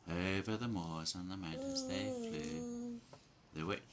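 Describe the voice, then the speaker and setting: A woman reading a picture book aloud, playful, pausing and correcting herself as she goes. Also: rumbling low, huge pitch swings, heavy background noise. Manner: playful, with pauses and self-corrections. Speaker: reader.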